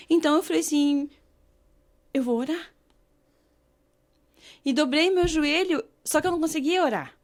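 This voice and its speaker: A woman from Brazil earnestly telling a personal faith testimony, slowing down when she reads scripture aloud. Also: high-pitched. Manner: earnest, emotional storytelling, slows to read scripture. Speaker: guest sharing her testimony.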